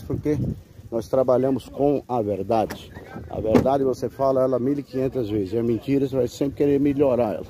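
Salesman pitching a pickup outdoors. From Brazil. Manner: pitchy salesman patter, addresses viewers as "pessoal". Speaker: car broker. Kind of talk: walkaround car sales video. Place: outdoor car fair parking lot. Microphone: handheld phone camera held by the speaker. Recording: outdoor phone audio with background noise.

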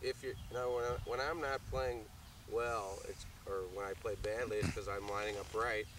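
A man's voice: lowish voice, steady tone, normal speed, recorded from a distance, background noise. A man in a golf class asking a hesitant, apologetic question. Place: outdoors among seated students.

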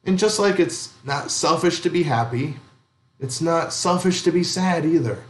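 A man's voice: on the high side, normal speed. Guy pastor preaching, chatty and kinda funny, echoey church sound. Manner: conversational, gently humorous preaching with rhetorical questions. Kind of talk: sermon. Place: church sanctuary.

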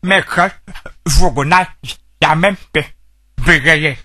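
A man's voice: a little high, takes it slowly, bright, forceful tone, exaggerated voice. A man playing a stammering young man who keeps repeating syllables in a comedy sketch. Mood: earnest. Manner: heavy stutter, repeats syllables.

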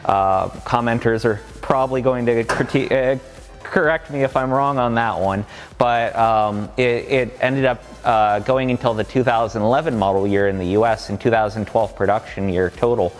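A man in his thirties walks through a collection and explains it eagerly, piling up details and leaning on plenty of fillers. His voice sits at an ordinary middle pitch. A long reverb from the underground garage trails behind his words. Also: fairly even intonation, normal speed, faint music behind. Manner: enthusiastic, fact-heavy, many fillers. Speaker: company collection guide. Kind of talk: casual walkaround explanation. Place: large underground parking garage.

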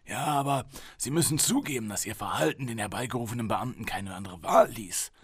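A man's voice: medium pitch, husky, no echo, studio quality, pitched above the performer's own voice. A man doing a smug, condescending psychologist. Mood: patronizing. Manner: condescending, calm and slow. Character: smug, patronizing male police psychologist, early forties. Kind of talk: audiobook reading.

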